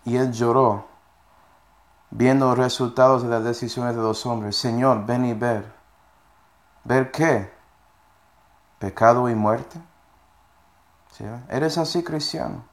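A man's voice: medium pitch, steady tone, takes it slowly, long pauses. A man preaching a sermon, reading scripture verses aloud and often checking in with his listeners with short questions. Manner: reads scripture verses aloud between explanations.

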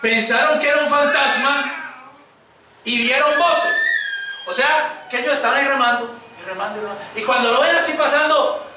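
Man, preacher, lively sermon storytelling, far from the mic, strong echo. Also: very high voice, normal speed, background noise. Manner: lively storytelling with acted quotes. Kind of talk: sermon, Bible passage retold. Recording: echoey room, mic far off.

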